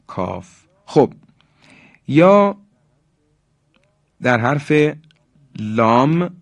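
A man teaching Quran recitation, explaining the rules in quick bursts and chanting each example slowly and drawn out. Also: fairly low pitch, no room sound. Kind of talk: recorded tajweed lesson.

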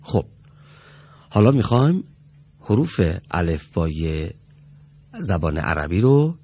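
A man teaching Quranic pronunciation on a studio TV lesson, speaking slowly and carefully and drawing out sounds to demonstrate them. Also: deep voice, a little mellow, slightly rough. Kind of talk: TV recitation lesson.

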